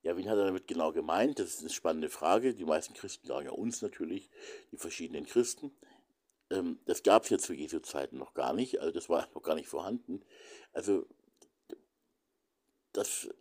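A man giving a reflective spiritual talk, halting and thoughtful with many fillers, sometimes dropping to a whisper. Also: deep voice, expressive, darkish tone.

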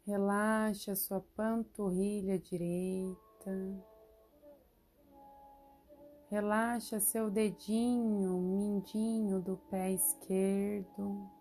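A woman leading a guided relaxation meditation, giving soothing instructions with long pauses. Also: medium pitch, flat delivery, warm tone, faint music behind.

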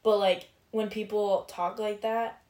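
A young woman co-hosting a casual chat, talking fast and loose with lots of "like" and swearing. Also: mid-range voice, fairly even intonation, a little mellow. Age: young adult. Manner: chatty, heavy use of "like", swears. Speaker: podcast co-host. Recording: echoey room.

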